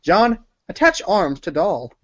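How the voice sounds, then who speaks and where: In dull lo-fi audio, a man narrates a group read-along story in the second person, giving commands to a character. His voice is high, fairly bright, slow, and sing-song.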